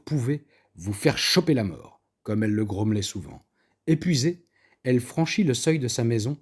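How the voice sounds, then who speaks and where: A man narrating a comic story in a lively, theatrical storybook reading. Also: medium pitch, husky.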